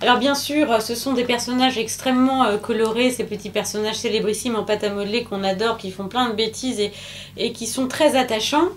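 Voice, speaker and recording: A woman with a somewhat high voice walks parents through a children's picture book in a loose, chatty demonstration. She hesitates often, fills her pauses, and chuckles at her own little jokes. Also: steady tone, a little hiss or hum. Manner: chatty, full of hesitations and filler sounds.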